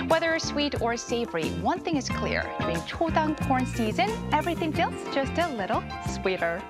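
A woman hosting a show, reading a scripted segment and then interviewing a guest in a polished, upbeat way. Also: high-pitched. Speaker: host.

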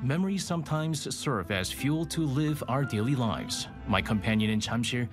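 A man narrating a travel documentary in a measured, reflective scripted voice-over. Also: mid-range voice, lively intonation. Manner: slow, measured reflective delivery. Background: guitar music.

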